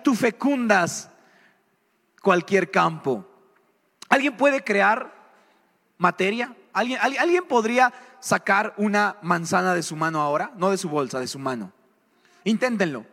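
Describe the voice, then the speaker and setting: A man preaching a sermon, animated and questioning his congregation. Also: sits high, long reverb tail.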